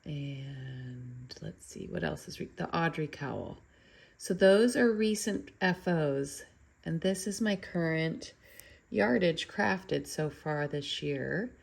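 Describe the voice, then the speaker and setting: A middle-aged woman talks casually to her viewers, her voice nasal and stuffy from blocked sinuses. Her voice sits fairly low and has a gravelly fry running through it. She rambles, filling gaps with ums and restarting her sentences. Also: slow pace. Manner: rambling, chatty, with many ums and self-corrections. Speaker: knitting channel host.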